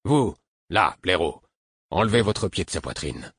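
Man doing a grumpy old guard, curt and bossy, husky low voice. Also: sing-song, a little slow, fairly bright tone, no room sound, studio quality, exaggerated voice. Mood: stern. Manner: curt, commanding. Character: gruff old male guard, commanding and weary.

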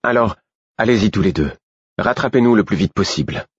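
A man voicing a calm, authoritative queen who gives orders with quiet composure. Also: lowish voice, fairly quick, husky, no room sound, lo-fi sound, pitched above the performer's own voice. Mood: composed.

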